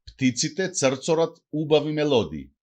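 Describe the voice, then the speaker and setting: A man's voice: a little high, big pitch swings, a little mellow. A man with a Greek accent reading a language lesson aloud, saying phrases one by one and then translating each. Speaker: language teacher.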